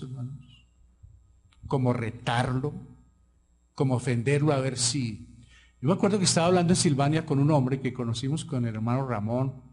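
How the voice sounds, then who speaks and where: A Colombian man with a Colombian Spanish accent preaches a sermon from the pulpit. His voice sits in a middle pitch. He tells stories and keeps asking the congregation questions. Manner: lively storytelling preacher, asks the congregation questions. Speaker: pastor.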